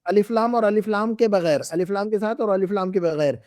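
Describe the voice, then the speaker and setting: Patient male Arabic teacher, bright-toned. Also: sits high, a little fast, no echo, clean studio sound. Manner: patient, repeats and drills words. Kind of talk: classroom lesson.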